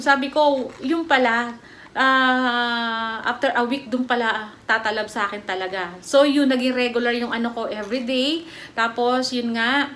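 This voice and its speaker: A middle-aged woman from the Philippines talks through a rambling personal testimony for her vlog. Her voice sits high and sounds bright and forward. She keeps circling back with fillers and restarts, like a relaxed chat with viewers. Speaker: vlogger giving a product testimony.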